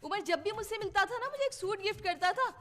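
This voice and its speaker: Give me a young wife in a sitcom, high-pitched and whiny. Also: female voice, animated, fast, a bit bright, faint music behind. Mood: sulky. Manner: whiny and complaining. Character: young, sulky, demanding new wife. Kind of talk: sitcom acting.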